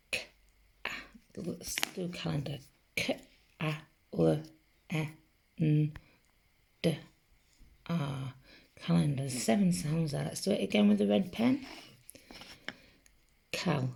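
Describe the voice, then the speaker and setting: A woman's voice: sits low, gravelly, a little mellow, slightly rough. A woman teaching a spelling lesson to children, patiently sounding out each letter. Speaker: primary school teacher.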